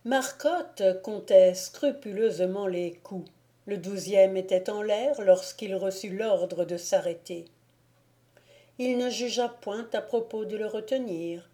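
In a dark tone and mid-range voice, a woman reads a classic novel as an audiobook, her storytelling delivery steady and measured.

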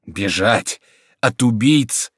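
A man's voice: on the low side, expressive, drawn-out words, a bit bright, breathy edge, no room sound, clean studio sound, exaggerated voice. A male narrator voicing a brave young nobleman who speaks in bold, commanding declarations. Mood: defiant.

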